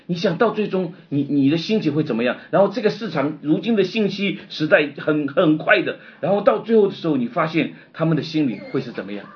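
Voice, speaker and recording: A man preaching a sermon, impassioned and confessional, swinging between loud outbursts and quiet, subdued stretches. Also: on the high side, animated, fast, few pauses, muffled recording. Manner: personal and confessional, retelling his own despair.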